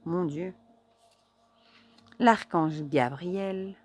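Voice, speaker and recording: A woman's voice: on the low side, darkish tone, husky. Chatty woman showing oracle cards. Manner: chatty, admiring, halting with fillers. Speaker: oracle card reviewer. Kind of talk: casual show-and-tell review.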